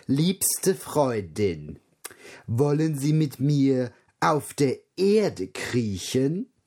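A snooty storybook giraffe lady, as a man puts her on, speaking in a prim, slow drawl. The voice is gravelly and husky, rising and falling in a lively, sing-song way. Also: mid-range voice, pitched above the performer's own voice, exaggerated voice. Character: snooty, curious female giraffe.

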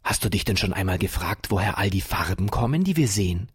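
A man voicing a kindly, enthusiastic old professor who patiently explains things to a child, in a husky voice. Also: low voice, fast, dry recording, studio quality, exaggerated voice. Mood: explaining. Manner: patient explaining, lively delight.

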